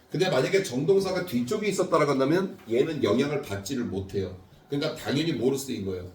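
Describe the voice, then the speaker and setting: A man's voice: a little high, a little mellow. A man teaching English grammar to a class, explaining step by step and quizzing his students with questions. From South Korea. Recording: roomy classroom sound from far off.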